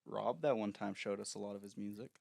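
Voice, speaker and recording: A man co-hosting a podcast in casual chat, full of joking deadpan quips, at an outdoor fire pit. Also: fairly low pitch, quick pace, gravelly, no echo, studio quality. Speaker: podcast co-host.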